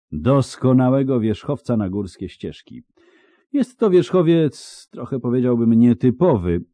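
A man voicing a calm elf sage, speaking in measured, guiding sentences. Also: medium pitch, no echo, pitched above the performer's own voice.

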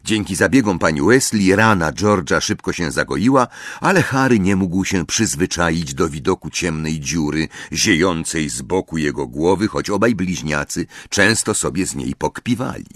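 Low-voiced, expressive male storyteller. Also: normal speed, hardly any pauses, dry recording, clean studio sound. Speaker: audiobook narrator. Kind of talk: scripted narration.

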